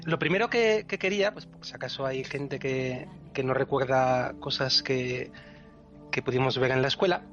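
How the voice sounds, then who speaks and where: A man of medium pitch, slightly bright and moderately paced, guests on a podcast's language section, teaching a co-host language rules with patience and frequent chuckles. Faint music sits under the dull, lo-fi recording.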